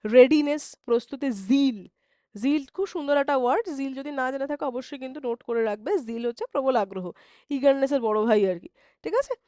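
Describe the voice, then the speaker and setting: A woman with a Bengali accent teaching English vocabulary in a live online exam-prep class. She explains in Bengali, often checks "ঠিক আছে?", and reads English definitions slowly. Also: high voice, warm tone, dry recording, studio quality.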